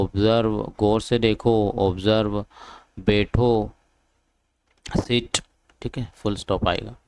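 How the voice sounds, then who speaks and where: Steady, low-voiced man drilling vocabulary. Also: clear, resonant tone, no echo. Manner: drills word pairs, repeating each with "ठीक है". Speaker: English teacher. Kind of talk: spoken English lesson in Hindi.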